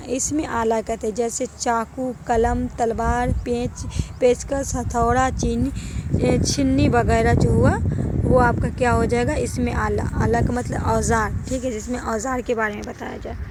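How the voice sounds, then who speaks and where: A woman's voice: on the high side, background noise. A young woman teaching an exam-prep grammar lesson, who keeps saying "ٹھیک ہے" and quizzes her listeners.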